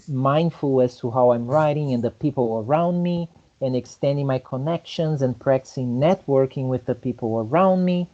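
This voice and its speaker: A man's voice: mid-range voice, dark tone, lo-fi sound. A man chatting casually in an online meetup, explaining his ideas in long, rambling turns. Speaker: meetup participant. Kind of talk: casual chat.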